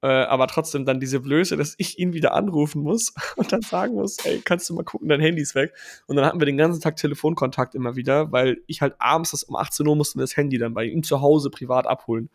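A young man hosting a podcast, casually telling an animated story and quoting people along the way. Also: on the high side, fast talker, hardly any pauses. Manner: animated, quotes people with lively asides. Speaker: podcast host.

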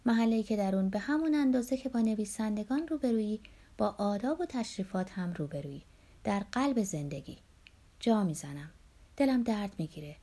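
A woman's voice: medium pitch, expressive, dark tone. A woman narrating an audiobook in the first person with wry, dry irony. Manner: wry, dryly ironic first-person storytelling.

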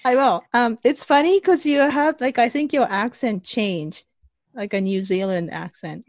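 A woman podcast host chatting casually with a guest, relaxed and quick to laugh. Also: a little high, no echo, studio quality. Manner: relaxed, laughs often, brief agreeing replies. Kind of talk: casual interview chat. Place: home studio, recorded in Canada.

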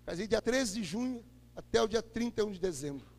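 A man with a Brazilian Portuguese accent preaching his testimony, swinging between loud declarations and low murmurs, heard in an echoey hall. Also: expressive, a little fast. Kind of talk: impassioned testimony sermon. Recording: echoey hall with long reverb.

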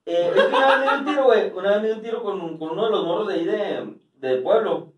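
A man's voice: high voice, expressive, quick pace, far from the mic, muffled recording, a little hiss or hum. A man in casual chat, prompting stories in teasing slang like a host. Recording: roomy echo, off mic.

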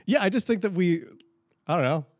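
A man in his thirties, chatting casually on a podcast, animated and rambling with many restarts. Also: high-pitched, a little fast, dry recording, studio quality. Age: 30s. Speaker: podcast co-host. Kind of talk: casual chat.

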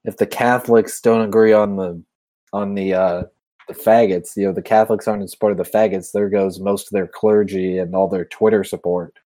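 Low voiced dude rambling on a podcast, lots of you know and uh. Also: male voice, fairly even intonation, a little fast, dark tone. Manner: rambling, many fillers and restarts. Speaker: podcast co-host. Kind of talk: casual podcast banter.

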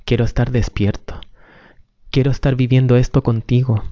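A man's voice: mid-range voice, flat delivery, normal speed, no room sound, close to an everyday voice. A man reading the part of a frightened, unhappy man who anxiously begs his lover not to let go. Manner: anxious, imploring. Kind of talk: amateur script reading. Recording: dull lo-fi recording.

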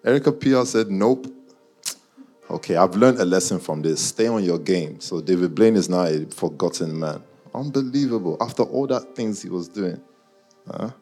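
With faint music behind him, a man speaks in a low, mellow voice at a moderate pace. He is Nigerian, spent childhood years in Guyana, was schooled in the UK, and now chats casually and slangily in a London accent to a live audience and online viewers, teasing them as he goes.

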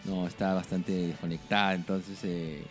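A man's voice: deep voice, little pitch movement, normal speed, soft background music. A man with a Peruvian accent chatting casually as a podcast co-host, swearing often and laughing through his stories. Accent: Peruvian Spanish. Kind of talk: casual chat.

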